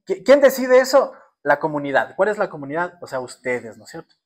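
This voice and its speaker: A man with a Quito Ecuadorian accent giving a classroom lecture, conversational and often checking in with rhetorical questions. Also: fairly high pitch. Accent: Quito Ecuadorian Spanish. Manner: conversational, constantly checks in with students through rhetorical tag questions. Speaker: university lecturer.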